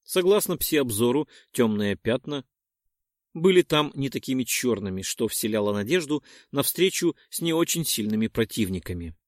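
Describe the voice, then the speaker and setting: Expressive male audiobook narrator. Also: mid-range voice, moderate pace, no echo. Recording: dry close studio sound.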